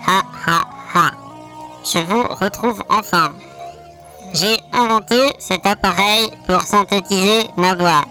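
A game master voicing a gloating male inventor who talks through a metallic, machine-like synthesized voice, slow and cackling. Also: high-pitched, bright, forceful tone, soft background music, pitched above the performer's own voice, full character voice. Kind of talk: tabletop roleplay voice acting.

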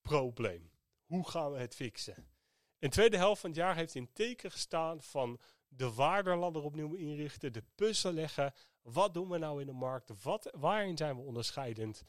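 A man's voice: a little high, expressive, moderate pace, dry recording, clean studio sound. A man hosting a podcast, telling a personal story in an earnest, reflective way. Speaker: podcast host.

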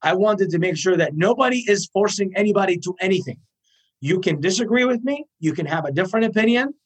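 A man's voice: high voice, lively intonation, quick pace, slightly rough. A man from Iraq in his thirties, a guest in an interview, speaking earnestly and emphatically and piling up points in lists. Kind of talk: impassioned interview answers.

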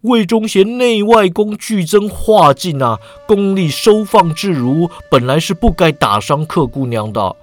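A man's voice: sits high, expressive. Man telling a martial-arts serial. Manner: leisurely storytelling with drawn-out particles. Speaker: storyteller.

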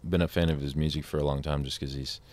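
A man's voice: extremely low pitch, fairly even intonation, quick pace, a little mellow. A young man from Indiana, a musician guest chatting casually in an interview, laid-back with frequent laughs and fillers.

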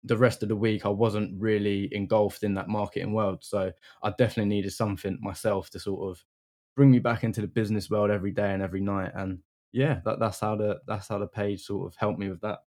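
A man's voice: on the low side, level tone, quick pace, darkish tone. A young man with a London accent, chatting casually as a podcast guest, friendly and full of ums. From England. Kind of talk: casual interview chat.

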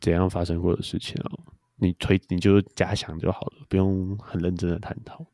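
Brief: young man, deep dark voice, quick casual podcast chatter, dry close mic. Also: little pitch movement, dry recording. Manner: chatty storyteller. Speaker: podcast co-host. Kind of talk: casual chat.

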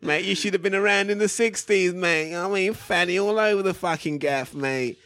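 A man's voice: high voice, brisk, pushed and bright, no room sound, pitched above the performer's own voice. A man voicing a foul-mouthed older East End boxing geezer with a Cockney accent, blunt and mocking, in a comic podcast rant. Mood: blunt, boastful. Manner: blunt, mocking, sweary banter.

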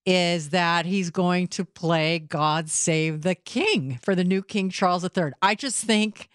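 A woman's voice: on the low side, takes it slowly, no room sound. A woman hosting live talk radio, chatty and opinionated, speaking into a studio microphone. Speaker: radio talk host, filling in.

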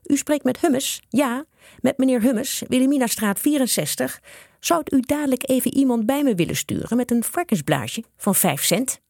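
A woman's voice: medium pitch, expressive, normal speed, vocal fry, breathy edge, no echo, studio quality, pitched above the performer's own voice. A woman doing a cheeky prankster schoolboy. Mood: mock polite. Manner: cheeky, giggling.

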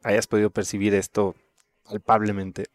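Calm low-voiced male interviewer. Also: moderate pace, no room sound.

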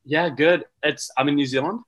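A young man from Turkey, a marketing guest on a podcast, talking in a relaxed way with lots of uh and you know. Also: fairly high pitch, normal speed, rough recording. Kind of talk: casual interview.

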